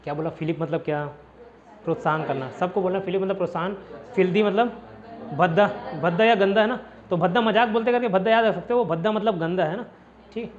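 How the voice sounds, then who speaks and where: A man's voice: high voice, fast talker, lo-fi sound. A man from India teaching a casual vocabulary lesson in a classroom, explaining each word with repeated rhetorical questions.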